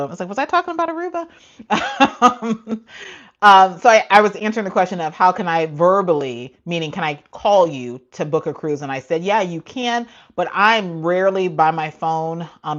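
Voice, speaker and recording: A woman's voice: lowish voice, lo-fi sound. A woman running a casual live-stream Q&A as a cruise travel agent, talking frankly with many asides and frequent laughs.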